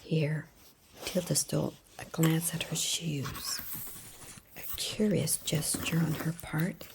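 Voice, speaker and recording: A woman whispering a bedtime story and tucking-in roleplay in a soft, gentle, soothing voice close to the mic. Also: sits low, vocal fry, background noise. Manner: soft unvoiced whisper throughout. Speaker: ASMR storyteller. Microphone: close mic, whispering near the ear.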